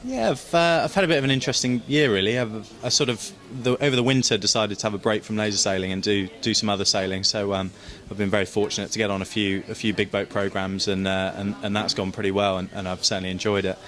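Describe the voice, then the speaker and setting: A man's voice: fairly low pitch, fairly even intonation, quick pace, few pauses, a bit bright. A young man, a sailor being interviewed, chatting in an upbeat, self-deprecating way. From Great Britain. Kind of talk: casual post-race interview.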